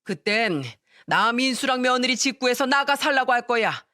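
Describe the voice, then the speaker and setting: A woman's voice: animated, moderate pace, pushed and bright, no echo, clean studio sound. A woman voicing a stern older father-in-law who scolds his wife in a storytelling radio drama. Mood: angry scolding. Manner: booming scolding.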